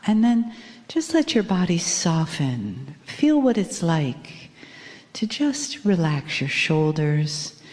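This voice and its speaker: Soft, low, soothing woman guiding meditation, reverberant. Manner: soft, soothing, breathy spa-like delivery. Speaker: guided meditation leader. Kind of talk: guided meditation. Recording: long hall reverb.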